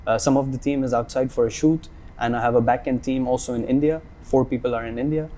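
Young man from Dubai, dark mellow voice. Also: mid-range voice, quick pace. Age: young adult. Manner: relaxed, earnest, with fillers. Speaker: company founder, guest. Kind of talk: casual interview answers. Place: indoor room, seated on a sofa.

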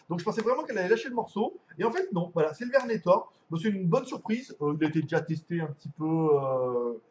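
A man's voice: sits high, darkish tone, a little hiss or hum. A man hosting a casual live stream from home as a tech reviewer, rambling, laughing often and swearing casually.

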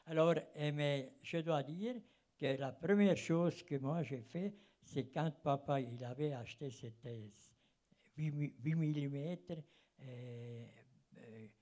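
Seated in a cinema auditorium, an audience member in his eighties, once a travelling cinema operator, reminisces at a public round table into a handheld microphone. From the German-speaking Fribourg countryside of Switzerland, he speaks French with a foreign Swiss German accent, rambling and groping for words. His voice is a little high, slow, and dark.

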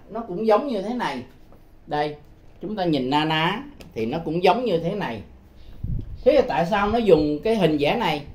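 A man teaching a lesson in a deliberate, explanatory way, repeating key words and pausing on hesitant fillers. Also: a little high, a little mellow, reverberant.

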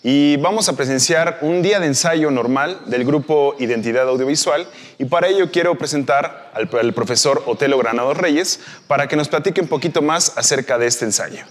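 A man hosting a school cultural program, introducing guests and asking friendly, clear questions. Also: on the high side, moderate pace. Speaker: host. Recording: reverberant hall.

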